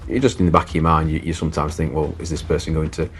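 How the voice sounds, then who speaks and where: A man's voice: rumbling low, level tone, rapid-fire, faint music behind. A man working as a traffic police officer, talking reflectively in an interview.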